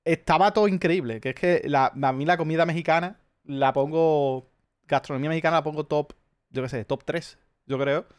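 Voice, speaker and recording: Male Spanish streamer, slightly high voice, loose profane storytelling chat. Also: normal speed, clear, resonant tone. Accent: Spanish from Spain. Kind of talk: casual chat.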